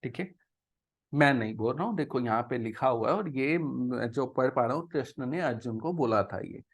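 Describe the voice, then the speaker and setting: A man giving a devotional talk to viewers, coaxing them with repeated rhetorical questions, mixing English words into Hindi and slowly chanting Sanskrit verses. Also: mid-range voice, lively intonation, breathy edge. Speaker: devotional speaker.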